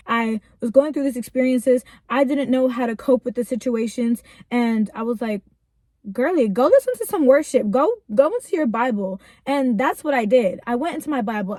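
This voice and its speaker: A woman's voice: a little high, dark tone, no echo, studio quality. Earnest young woman, emotional car vlog. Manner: earnest, chatty, slips into tearful pauses. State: emotional, close to tears. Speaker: vlogger. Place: inside a car.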